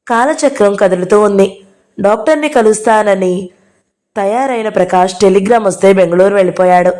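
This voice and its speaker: A woman hosting her own channel, reading a novel aloud in a measured, even storytelling voice. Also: medium pitch. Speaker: audiobook narrator, channel host.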